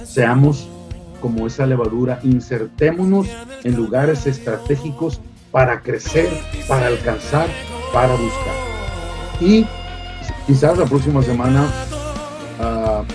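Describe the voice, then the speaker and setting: A male pastor delivering a sermon in an emphatic preaching manner, repeating phrases and pausing with hesitant fillers. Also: mid-range voice, expressive, over music.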